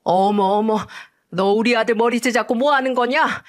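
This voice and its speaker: A woman's voice: medium pitch, animated, moderate pace, close to an everyday voice. A woman voicing a greedy older mother-in-law who nags and scolds in a raised, scornful voice. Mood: shrill scolding. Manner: nagging, scornful.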